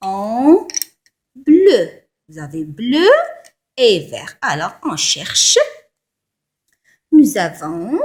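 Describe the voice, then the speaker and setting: A young woman, teaching a slow primary-school lesson and spelling out syllables and letters one by one. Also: lowish voice, big pitch swings. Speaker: French teacher.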